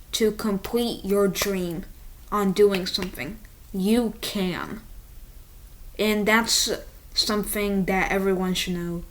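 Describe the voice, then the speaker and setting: Excitable woman ranking movies. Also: medium pitch. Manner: excitable, rambling, talks straight to viewers. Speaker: movie reviewer. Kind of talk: casual movie ranking vlog.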